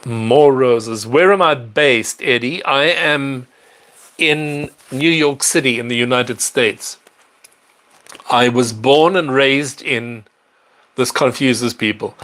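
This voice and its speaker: Speaking slowly in a medium-pitched, somewhat bright voice, a middle-aged South African man chats on a live stream from his apartment in a large city. He answers viewer questions in a rambling way, full of fillers and restarts.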